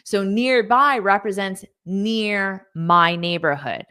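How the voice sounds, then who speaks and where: A woman's voice: mid-range voice, slow pace, bright, forceful tone, clean tone. A woman teaching English in a live online lesson, reading out viewer comments, repeating words patiently and praising students.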